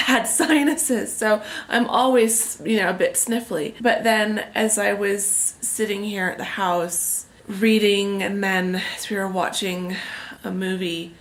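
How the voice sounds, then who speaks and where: On a couch inside a family home, a woman vlogger chats casually to the camera while fighting a head cold, sounding congested and a bit worn out. Her medium-pitched, creaky voice drifts through rambling, self-deprecating talk.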